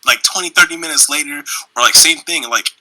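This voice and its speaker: A young man co-hosting a podcast, telling stories in a loose, profane, animated way. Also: on the high side, fairly quick, no echo, low-quality recording. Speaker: podcast co-host. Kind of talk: casual chat.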